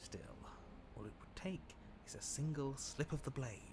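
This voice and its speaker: An actor playing a measured, faintly menacing game narrator, telling a dramatic story in the second person. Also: male voice, mid-range voice, a little mellow, whispered, lightly acted. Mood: ominous. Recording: music behind the voice. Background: music.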